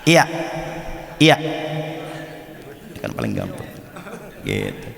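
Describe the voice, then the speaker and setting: A man preaching at an evening study gathering, telling humorous stories and acting out dialogue, swinging between loud bursts and soft asides. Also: rumbling low, huge pitch swings, drawn-out words, vocal fry. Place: mosque hall. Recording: roomy hall with long reverb.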